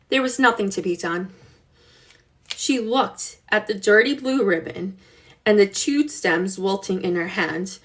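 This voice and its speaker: Woman reading a storybook, slow and lively. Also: medium pitch. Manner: expressive, unhurried storytelling. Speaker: reader. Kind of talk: reading a children's book aloud.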